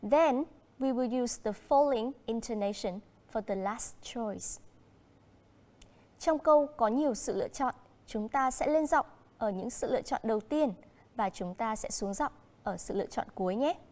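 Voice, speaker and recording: A woman with a Vietnamese accent teaching a primary school English lesson, speaking slowly and clearly and switching between English and Vietnamese. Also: fairly high pitch, a little mellow, big-room sound.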